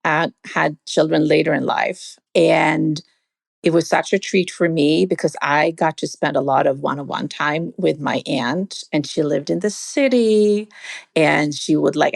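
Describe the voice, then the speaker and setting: On a podcast, a young adult Swedish woman shares thoughtful, warm family stories in a relaxed conversation, leaning often on "like." Her low, creaky voice moves a little slowly, and the recording is dry.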